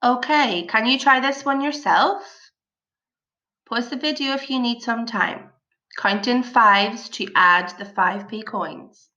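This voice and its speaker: Bright, unhurried woman teaching young children, slightly muffled. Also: on the high side. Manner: encouraging, praising, asks questions and leaves pauses for children. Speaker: primary school maths teacher. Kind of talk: upbeat children's lesson narration, like a kids show host.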